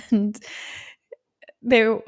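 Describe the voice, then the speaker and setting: A woman's voice: on the high side, level tone, extremely slow, no room sound, studio quality. A young woman co-hosting a podcast, chatting casually, laughing often and filling her talk with "like". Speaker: podcast co-host. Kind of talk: casual chat.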